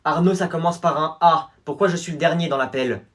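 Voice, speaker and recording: A man's voice: on the high side, brisk, fairly bright tone, close to an everyday voice. A man voicing an entitled rich schoolboy who whines indignantly. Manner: whiny, indignant.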